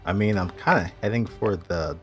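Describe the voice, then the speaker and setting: A man's voice: deep voice, normal speed, faint music behind. A man chatting casually as a player at a tabletop game, talking through his moves.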